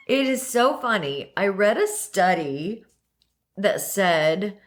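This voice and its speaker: Hoarse, lively woman co-host. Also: mid-range voice, extremely slow. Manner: lively and gushing. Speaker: podcast co-host. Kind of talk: casual chat.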